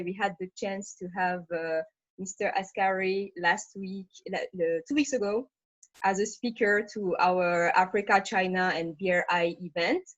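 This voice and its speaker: A Senegalese woman, a managing director, speaks spontaneously as a webinar panelist, with hesitations and fillers. Her voice is medium-pitched, and the video-call audio is dull and dry.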